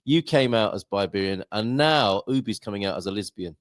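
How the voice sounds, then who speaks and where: Lively, bantering man hosting. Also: on the low side, brisk, dry recording. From United Kingdom. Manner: jokey, teasing banter. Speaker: show host. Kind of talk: casual online show chat.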